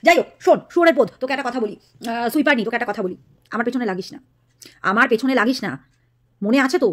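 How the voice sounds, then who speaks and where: Fast-talking scolding woman vlogger. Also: a little high, fairly bright tone. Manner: scolding, mocking, insulting a rival. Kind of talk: angry direct-to-camera rant.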